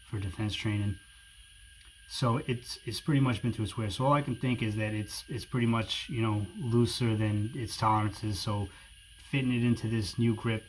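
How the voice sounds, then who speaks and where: With a New England accent, a man from that region reviews a product for viewers in an informal, chatty style as the video's host. His voice is lowish, and the rough recording carries steady background noise.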